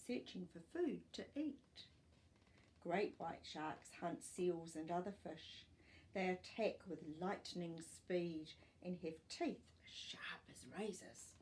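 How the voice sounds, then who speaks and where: In a living room at home, a middle-aged woman with a fairly low voice hosts storytime, reading aloud to young children. Her delivery is expressive and explanatory, sprinkled with small asides.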